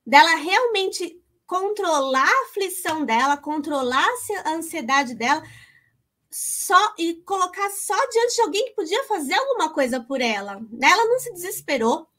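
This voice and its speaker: High-voiced chatty woman. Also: big pitch swings, normal speed, fairly bright tone. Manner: chatty and emotional, addresses listeners as gente. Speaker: co-host. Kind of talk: casual Bible talk with personal story.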